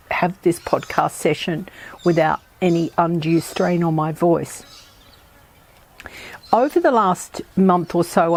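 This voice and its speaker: A woman hosting a reflective solo podcast, her voice croaky as she recovers from a virus, speaking in a measured, thoughtful way. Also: on the low side, darkish tone. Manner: measured, thoughtful, with pauses and restarts. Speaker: podcast host.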